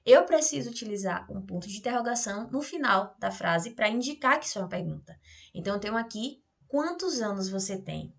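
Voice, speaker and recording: A woman with a Brazilian Portuguese accent teaches punctuation to adult learners over a remote class. She talks in a relaxed, chatty way and keeps checking that her listeners follow. She reads her example sentences aloud with exaggerated intonation. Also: medium pitch, a little fast, gravelly. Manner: explains in a chatty way, with many tag questions and fillers. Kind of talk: remote adult-education grammar lesson.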